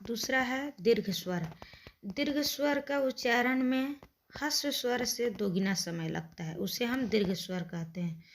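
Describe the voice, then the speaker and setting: Slow, patient woman teacher. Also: fairly high pitch. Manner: slow, patient, recites letters aloud one by one. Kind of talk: online lesson for children.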